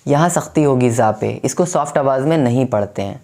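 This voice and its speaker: A man from India teaching Quran reading, slowly reciting letter drills between quick explanations, with some English words mixed in. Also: medium pitch, darkish tone. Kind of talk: recorded reading lesson.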